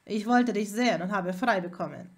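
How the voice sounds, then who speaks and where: Frau liest höflichen jungen Zauberer. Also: female voice, mid-range voice, a little fast, natural voice. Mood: gentle, polite. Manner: courteous, calm. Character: polite young male wizard, Quidditch player. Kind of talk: fan fiction audiobook reading.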